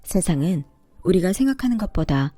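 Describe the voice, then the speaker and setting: A woman reads a first-person story aloud in a calm, conversational way. Her voice is mellow and warm at a middle pitch. The sound is dry and close, with faint music underneath. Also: a little fast, no echo. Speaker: story narrator.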